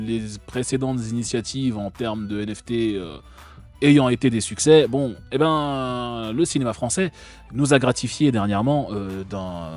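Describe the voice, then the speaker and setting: A man's voice: mid-range voice, darkish tone. A man from France hosting a live stream, talking casually and sarcastically with many fillers and restarts.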